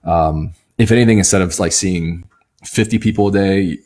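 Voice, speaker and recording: A man's voice: sits low, normal speed, darkish tone. A man in his forties co-hosting a casual live-stream chat with his wife, joking and reading out viewer comments. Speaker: co-host.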